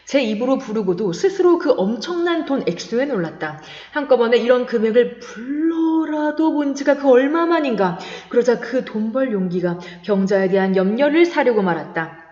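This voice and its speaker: A woman narrating a classic short story in a measured, expressive reading, in a dull, echoey recording. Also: fairly high pitch. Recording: dull-toned echoey recording with long reverb.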